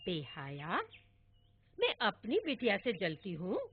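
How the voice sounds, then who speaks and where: A stern, sharp-tongued mother, as a woman acts her out, scolds in an irritable voice. Her slow, pointed words come through a tinny, phone-like recording. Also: mid-range voice, big pitch swings, slightly rough, heavily acted. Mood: scolding. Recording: tinny phone-like audio with faint hiss.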